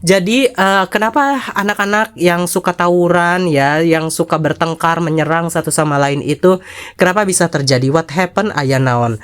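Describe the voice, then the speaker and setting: A host with a Jakarta Indonesian accent and a congested nasal voice from a cold, giving chatty, sassy commentary with dramatic asides, of mid-range pitch between a man's and a woman's. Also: normal speed, a bit bright, clean tone. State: has a cold. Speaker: host of a YouTube commentary channel. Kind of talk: casual spoken commentary to viewers.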